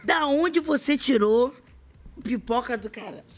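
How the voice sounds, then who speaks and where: A woman's voice: sits high, animated, unhurried, soft background music. A Brazilian woman hosting a talk show in casual, teasing banter.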